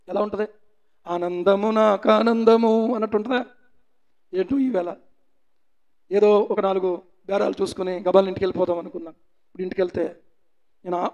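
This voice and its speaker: High-voiced impassioned male preacher. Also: darkish tone. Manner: impassioned preaching, repeated rhetorical questions. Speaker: pastor. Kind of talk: sermon.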